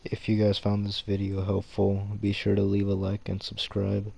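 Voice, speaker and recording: A man narrating a casual gaming tutorial in a monotone, low-energy late-night delivery. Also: moderate pace, creaky, slightly rough.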